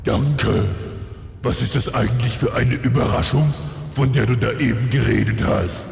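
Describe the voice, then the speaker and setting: Fantasy comedy villain: male actor, unimpressed and patronizing, lowish, gravelly, in a reverberant hall. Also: normal speed. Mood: bored, patronizing. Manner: deadpan. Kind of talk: scripted fantasy comedy dub. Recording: echoey hall, faint noise.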